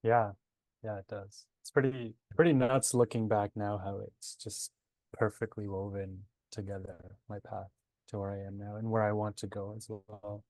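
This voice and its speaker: On a low-quality, dry recording, a breathwork teacher in his twenties describes his personal story as an interview guest. Originally from Nepal, he came to Canada at seven, and he speaks at normal speed with a lowish, darkish voice and flat delivery.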